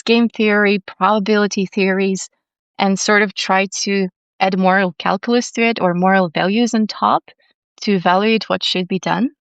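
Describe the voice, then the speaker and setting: A young woman from Latvia, a podcast guest speaking in a calm, soothing and articulate way. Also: medium pitch, clear, resonant tone, dry recording, dull audio. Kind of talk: conversational interview.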